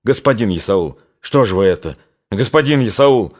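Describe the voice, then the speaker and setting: A man's voice: on the low side, lively intonation, normal speed, natural voice. A man voicing an earnest rustic Cossack soldier who speaks in folksy, impassioned phrases, in an audiobook reading. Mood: pleading.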